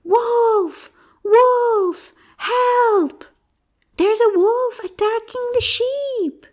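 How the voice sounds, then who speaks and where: A woman voicing a mischievous young shepherd boy in a storybook reading, shouting and giggling in a high voice. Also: expressive, takes it slowly, heavily acted.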